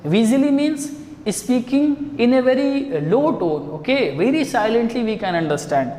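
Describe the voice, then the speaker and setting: A man with an Indian accent teaches an English story line by line in a classroom, his very high voice very animated, slightly mellow, and at normal speed. He asks his students rhetorical questions as he explains, and the room is echoey with long reverb.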